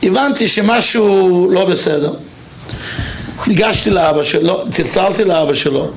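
A man, a religious teacher of teenage boys, lectures on child education with emphatic storytelling. His voice sits high and carries a gravelly rasp. He leaps upward whenever he presses a point home. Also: a little hiss or hum.

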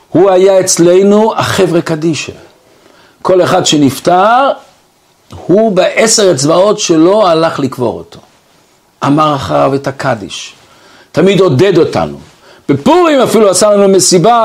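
Animated man telling a story. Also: high voice. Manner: animated, acts out quoted voices, shifts between hushed and raised tones. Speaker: storyteller retelling a survivor's account. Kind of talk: spoken storytelling.

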